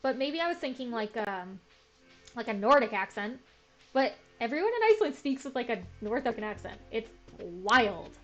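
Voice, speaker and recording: With a fairly high, very animated voice at a moderate pace, a young woman from Canada hosts a gaming video, chatting loosely while she plays a farming game. She rambles, leans on fillers, and pokes fun at herself. The audio is slightly muffled, with faint game music.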